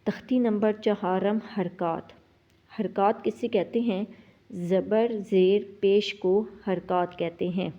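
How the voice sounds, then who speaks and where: A woman teaching Quran reading as a slow lesson, patiently repeating syllables for students to copy. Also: medium pitch. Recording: slightly dull lo-fi sound.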